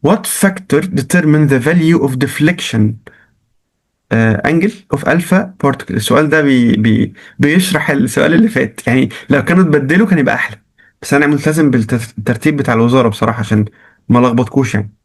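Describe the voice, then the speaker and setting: A male chemistry teacher with an Egyptian Arabic accent, reviewing exam questions in a lively, joking way and coaxing students with questions. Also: medium pitch, fast. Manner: mixes English science terms into Arabic. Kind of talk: recorded exam-review lesson.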